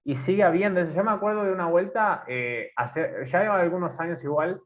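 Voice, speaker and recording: A man in his twenties with an Argentine accent, co-hosting a casual podcast and talking haltingly with many fillers and restarts. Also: high voice. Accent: Argentine Spanish. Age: 20s. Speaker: podcast co-host. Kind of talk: casual conversation. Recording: tinny phone-like sound.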